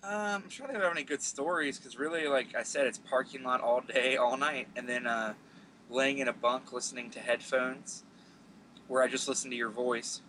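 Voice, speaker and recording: Podcast host, man, laid-back and deadpan, mid-low pitch, clear background noise. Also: normal speed, poor audio. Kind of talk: casual podcast chat.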